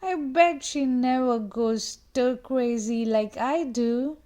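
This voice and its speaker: A woman's voice: on the high side, slow, mellow. A woman voicing a small sad spoon, a boy utensil, in a mopey, wistful tone.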